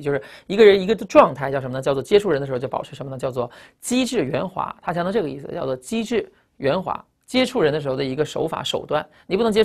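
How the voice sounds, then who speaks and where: Fast-talking low-voiced woman teaching vocabulary. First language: Chinese. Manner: emphatic, rhetorical questions, spells out word roots. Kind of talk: recorded vocabulary lecture.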